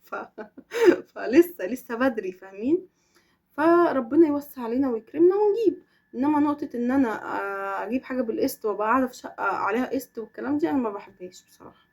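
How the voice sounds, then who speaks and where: A woman's voice: sits high, animated, fast talker, a little mellow. A young woman with an Egyptian accent, chatting earnestly to camera as a vlogger answering viewers' questions and stressing her points with oaths. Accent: Egyptian Arabic. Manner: earnest, emphatic, swears oaths for emphasis. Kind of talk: casual chat to camera.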